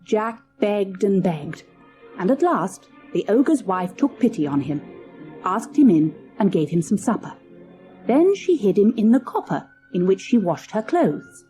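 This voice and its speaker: A woman narrating a children's fairy tale from a storybook cassette in a measured, expressive reading. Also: mid-range voice, faint music behind.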